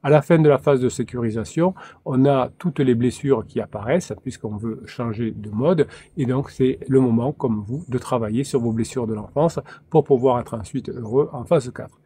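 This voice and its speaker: Guy coaching on couples, lots of euh and restarts, warm low-key tone, faint hiss behind. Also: moderate pace. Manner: hesitant, frequent fillers and restarts. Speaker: relationship coach. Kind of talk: solo coaching talk to camera.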